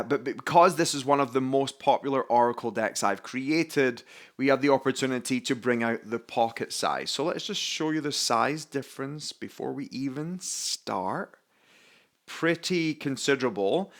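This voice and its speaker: A man's voice: mid-range voice, moderate pace, fairly bright tone. A Scottish man, probably in his thirties, enthusiastically hosting a casual vlog walkthrough of a card deck. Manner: enthusiastic, upbeat. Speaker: YouTube host presenting oracle decks. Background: faint background music.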